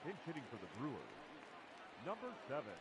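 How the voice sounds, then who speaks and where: Stadium pa announcer, booming thru loudspeakers far off, lots of outdoor noise around. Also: male voice, very animated, a little fast. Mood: announcing. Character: adult male ballpark PA announcer, formal. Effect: through stadium loudspeakers, heard from afar. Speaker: stadium public address announcer. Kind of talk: formal ballpark player introductions. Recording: loud outdoor ambience over a distant loudspeaker.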